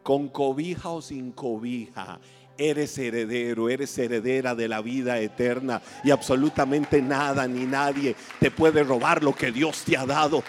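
A man preaching a sermon, telling stories and asking the congregation questions, with dramatic pauses. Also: mid-range voice, steady tone, in a large hall, soft background music. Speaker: pastor. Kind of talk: sermon with storytelling.

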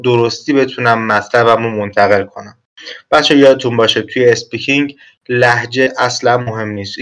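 A man teaching an exam-prep lesson in a relaxed, conversational way, pausing with fillers and correcting himself mid-sentence. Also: mid-range voice. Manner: casual, with frequent filler "uh" and self-corrections. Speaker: IELTS teacher. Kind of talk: explanatory lesson.

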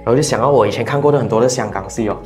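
Fast-talking young Malaysian man. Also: mid-range voice, faint music behind. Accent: Malaysian Mandarin. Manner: relaxed, mixes English words into Mandarin. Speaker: brand founder, guest. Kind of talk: casual interview chat.

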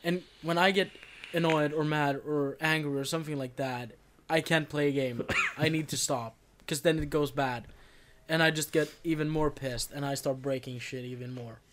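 A man with a slightly high voice talks bluntly in a casual podcast chat. He swears freely and laughs even while he complains. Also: moderate pace, slight background noise. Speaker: podcast co-host.

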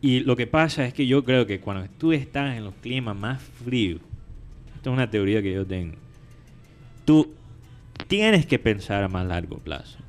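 A man's voice: mid-range voice, expressive, normal speed, faint music behind. A man who is a native English speaker hosts a casual discussion in Spanish, searching for words and repeating phrases as he argues. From United States. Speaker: show host.

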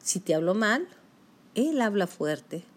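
A woman's voice: mid-range voice, very animated, slow, slightly rough. Woman giving a direct pep talk. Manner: direct, coaching, addresses the listener as tú. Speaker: motivational speaker. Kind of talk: motivational self-help talk.

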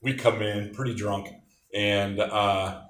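A middle-aged man with a low voice tells rambling stories from his college days. He restarts his sentences often. The voice sounds roomy, with a faint hiss behind it. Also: steady tone, takes it slowly, distant mic. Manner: rambling, warm storyteller with many restarts. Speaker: interviewee, former athletic trainer. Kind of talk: casual reminiscing. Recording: roomy echo.

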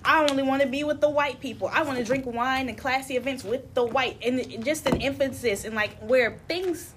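Woman podcast host, high voice, animated storytelling, bit of background hiss. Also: fairly quick. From grew up in the South End of her town. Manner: animated storytelling, acting out both sides of arguments. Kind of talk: casual chat.

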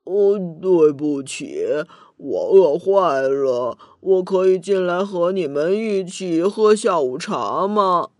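A woman's voice: on the low side, animated, slow, few pauses, darkish tone, no room sound, clean studio sound, pitched below the performer's own voice. A woman voicing a big furry male tiger in a children's story, hungry, courteous and hesitant. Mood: apologetic, hungry.

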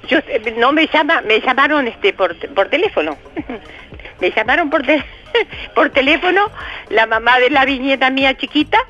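An older woman with a Uruguayan accent calling in to a radio show, chatty and excited, laughing often and filling pauses. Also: high voice, highs cut off. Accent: Uruguayan Spanish. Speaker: radio caller. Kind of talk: casual phone chat.

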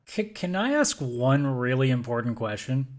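A man chatting casually on a podcast, with a voice of ordinary middle pitch. He is blunt and opinionated, pressing each point with emphasis. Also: sing-song, moderate pace. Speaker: podcast co-host. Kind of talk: casual chat.

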